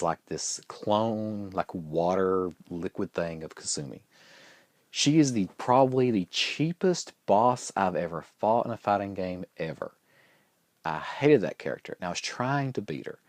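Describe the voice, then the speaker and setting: Deep-voiced man rambling through a vlog story. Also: expressive, a little slow, a little mellow, dry recording. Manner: rambling, with frequent restarts and fillers; chatty and good-humored. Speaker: vlogger.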